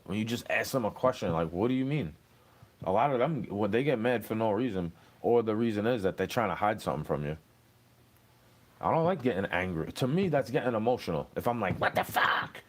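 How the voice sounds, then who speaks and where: A young man, rambling and cursing as he answers questions in a street interview. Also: medium pitch. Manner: rambling, profane, aggrieved.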